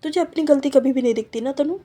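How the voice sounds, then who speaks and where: A woman's voice: high voice, fast, mellow, lightly acted. A woman voicing a blunt young woman who scolds her friend. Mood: scolding.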